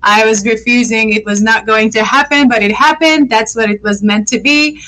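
Bright-voiced woman from Lebanon. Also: on the high side, moderate pace, low-quality recording. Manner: friendly, laughs often, many fillers. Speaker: guest accountant. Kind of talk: casual interview.

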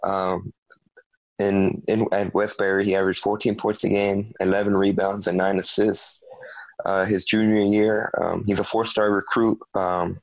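A young man co-hosting a casual sports podcast, talking in a halting way with many fillers and restarts. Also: fairly low pitch, level tone, vocal fry, no echo, rough recording. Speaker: podcast co-host.

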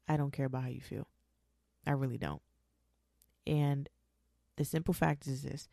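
A woman's voice: extremely low pitch, steady tone, moderate pace, vocal fry, mellow, dry recording, studio quality. A woman in her twenties, a mother speaking candidly and bluntly, swearing freely and hammering her points home. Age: 20s. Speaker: mother talking about her show. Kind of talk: candid monologue.

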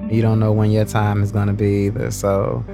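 A man's voice: fairly low pitch, monotone, vocal fry, over loud music. A man speaking earnestly and reflectively, a first-time children's book author in an interview clip. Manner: earnest and reflective, halting at times.

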